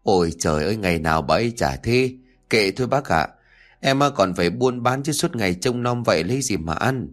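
A man voicing a resentful young daughter-in-law who scolds in quick, shrill bursts. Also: animated, soft background music, lightly acted. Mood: grumbling.

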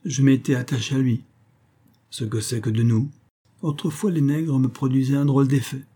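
A man's voice: medium pitch, steady tone, moderate pace, warm tone, close to an everyday voice. A man playing a jaunty, chatty Parisian castaway who jokes in colloquial speech, in an audiobook.

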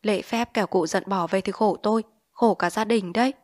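A woman's voice: medium pitch, a little fast, a little mellow, close to an everyday voice. A woman reading an audiobook, voicing a desperate male opium addict in withdrawal who whines and begs. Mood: anxious. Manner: whining, pleading, frantic.

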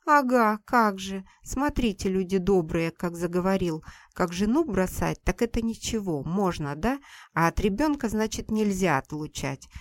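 A woman playing a loud, scolding village mother. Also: mid-range voice, animated, moderate pace, no echo, voice pushed up, lightly acted. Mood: furious. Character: fierce harsh older village mother.

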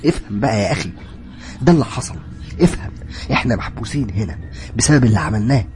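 A man's voice: on the low side, animated, quick pace, darkish tone, close to an everyday voice. A man voicing a frightened, guilt-stricken young woman in a horror story, speaking in an Egyptian Arabic accent with a raised, strained voice. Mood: insistent.

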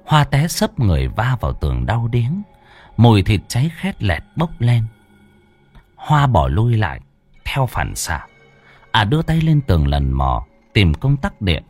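A man telling a ghost story in dramatic, drawn-out scripted narration. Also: lowish voice, huge pitch swings, a little mellow, soft background music.

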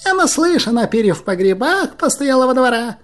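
This is a small, proud water dragon from an audiobook, bold and sharp-tongued, voiced by a man. He speaks in a shrill, high register that jumps around as he taunts. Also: sing-song, brisk, faint music behind, full character voice. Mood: mocking. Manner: shrill, mocking, defiant. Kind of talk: audiobook character voice.

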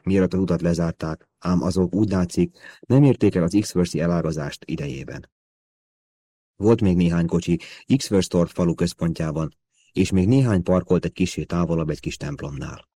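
A man narrating a spy thriller audiobook in a steady, measured reading. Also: low-pitched, no room sound. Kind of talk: scripted narration.

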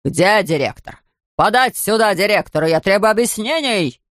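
A woman's voice: mid-range voice, animated, normal speed, no room sound, clean studio sound, natural voice. A woman voicing an indignant bearded middle-aged man in a storybook. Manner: gruff and indignant.

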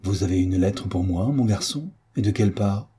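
A man voicing an excitable, self-important older woman housekeeper who talks in exclamations. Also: lowish voice, normal speed, husky. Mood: surprised. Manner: exclamatory, fussy.

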